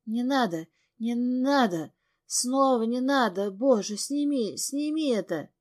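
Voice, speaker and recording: A woman's voice: a little high, lively intonation, takes it slowly, darkish tone, voice pushed up. A woman voicing a terrified young woman in an audiobook, screaming and pleading through tears. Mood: tearful pleading.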